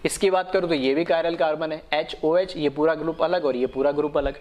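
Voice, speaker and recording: A man teaching a chemistry lesson, asking questions and answering them himself, and dictating definitions slowly. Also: a little high, fairly even intonation, a little mellow. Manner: slow, dictated English definitions. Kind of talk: online lecture.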